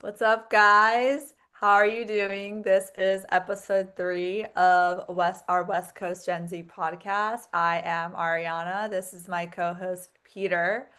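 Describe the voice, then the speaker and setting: A woman's voice: mid-range voice, level tone, slow pace, few pauses, fairly bright tone, clean tone. A young woman hosting a casual podcast interview, chatty and full of "like" and "um," stacking several questions at once. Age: young adult. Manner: chatty, lots of likes and ums, asks stacked questions. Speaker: podcast host.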